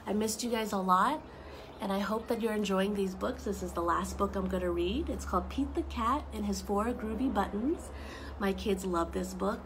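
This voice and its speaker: A woman in her thirties reads a picture book to young children, animated and full of chatty asides and questions. Her voice is mid-range at a moderate pace. It's a noisy outdoor home video, shot at arm's length on a wooden deck surrounded by trees, with clear ambient noise.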